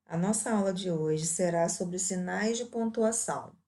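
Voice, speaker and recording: A woman's voice: fairly low pitch, unhurried, warm tone. A woman teacher giving a recorded grammar lesson, patiently explaining each point with examples.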